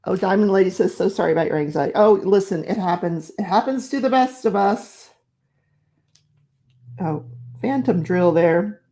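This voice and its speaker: Hosting a relaxed morning live stream, a woman chats and laughs while reading comments and welcoming viewers by name. Her voice is lowish and mellow, at a moderate pace.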